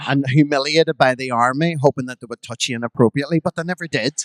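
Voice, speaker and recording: Belfast man, drag queen guest, telling cheeky stories live, mid pitch, dry sound. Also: fast talker, no room sound. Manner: bawdy, animated anecdotes with quoted voices. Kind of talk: frank storytelling at a live podcast. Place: live venue before an audience.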